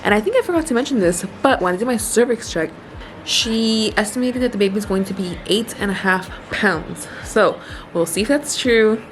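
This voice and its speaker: A woman's voice: mid-range voice, animated, normal speed, a little hiss or hum, low-quality recording. A young woman casually vlogging from a hospital room on a handheld phone, chatty and self-deprecating while tired in labor. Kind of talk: casual vlog narration.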